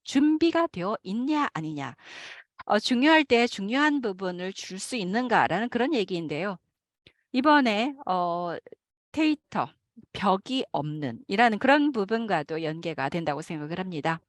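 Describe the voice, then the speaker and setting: A woman giving a live interpretation of a lecture, with an animated delivery and frequent hesitant fillers. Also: medium pitch, normal speed, no echo.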